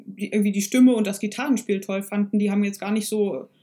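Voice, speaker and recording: A woman's voice: mid-range voice, steady tone, quick pace, mellow. A woman with a mid-range voice talks as a guest in a casual, reflective way. She thinks aloud, often restarting as she works out her point. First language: German. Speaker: singer-songwriter, guest. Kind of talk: casual, reflective interview talk.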